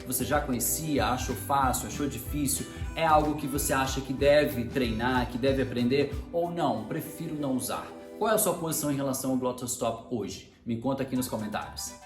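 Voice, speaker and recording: A man's voice: mid-range voice, a little fast, hardly any pauses. A man with a Brazilian Portuguese accent teaching English pronunciation in a chatty, explanatory way, demonstrating words aloud. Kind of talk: online pronunciation lesson. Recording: echoey room, faint music.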